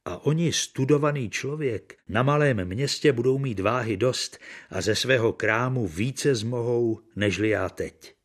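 For an audiobook, a man with a medium-pitched voice reads in a lightly acted way as a bitter, worn-out middle-aged stage actor, sounding brooding and earnest.

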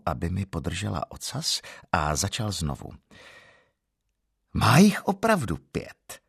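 A man with a very low, gravelly voice reads his own comic story in a dry, deadpan tone. His delivery is lively in pitch, with a husky grain. The sound is close and dry, with no room around it. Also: no room sound. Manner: dry, deadpan, self-ironic. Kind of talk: humorous first-person story reading.

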